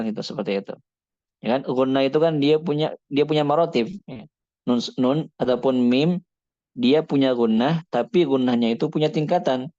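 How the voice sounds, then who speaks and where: A man of middle pitch teaching a Quran recitation lesson, reciting Arabic passages between his explanations. He asks questions and then answers them himself. The sound is dry and a little dull, like a lo-fi recording. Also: dark tone, dry recording. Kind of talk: kitab study lesson.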